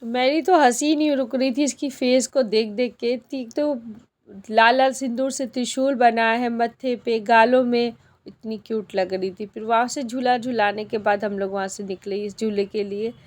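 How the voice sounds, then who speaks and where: A woman's voice: fairly high pitch, steady tone, normal speed, a little mellow. A woman vlogger narrating her outing in a chatty way, often speaking straight to her viewers. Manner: chatty, addresses viewers as friends. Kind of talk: casual vlog narration.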